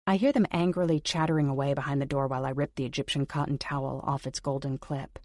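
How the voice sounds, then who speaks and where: A woman reading a first-person audiobook in an intimate manner, sometimes dropping into soft whispers. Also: rumbling low, level tone, quick pace, no echo, studio quality. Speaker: audiobook narrator. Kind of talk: scripted first-person narration.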